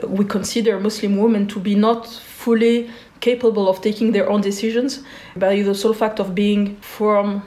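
A woman in her forties from Switzerland, a guest in an interview, speaking thoughtfully with many pauses and fillers. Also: mid-range voice, little pitch movement, warm tone, roomy sound.

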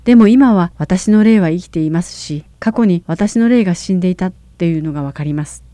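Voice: mid-range voice, a little fast, dark tone, dry recording. A questioner in a Bible Q&A who agrees politely and reads scripture verses aloud carefully. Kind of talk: Bible Q&A conversation.

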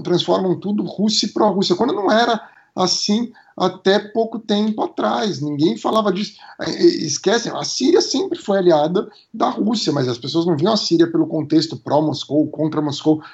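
Comentarista enfático, som abafado. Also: male voice, high-pitched, creaky, lo-fi sound. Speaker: commentator. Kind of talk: conversational analysis.

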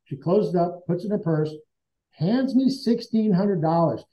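A man with a fairly high, mellow voice speaks at a moderate pace as an interview guest. He tells a personal story earnestly and conversationally, acting out dialogue he remembers. The recording sounds dull and lo-fi.

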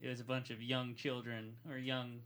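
Man chatting, wry and halting. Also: mid-range voice, little pitch movement, a bit bright. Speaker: podcast guest. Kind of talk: casual chat.

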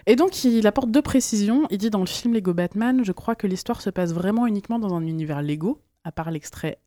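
A woman in her thirties co-hosts a casual chat podcast and reads out listener messages. She talks in a relaxed, rambling way, with many fillers and restarts. Her voice is mellow and warm, and the recording is dry and close. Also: mid-range voice, fairly quick, no room sound. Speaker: podcast co-host.

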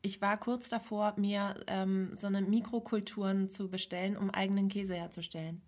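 A woman's voice: medium pitch, level tone, normal speed. A woman co-hosting a podcast, chatting casually and telling self-deprecating stories, often laughing. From Germany. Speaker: podcast co-host. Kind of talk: casual chat.

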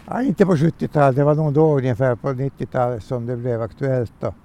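An older man, a retired language columnist, answering interview questions in a measured, slightly hesitant way and sometimes repeating his words. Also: medium pitch, warm tone. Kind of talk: thoughtful podcast interview answers.

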